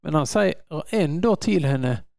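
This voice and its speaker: Earnest preacher man, smooth voice. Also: fairly high pitch, animated, dry recording, studio quality. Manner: earnest, rising to loud calls on quoted words. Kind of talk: sermon.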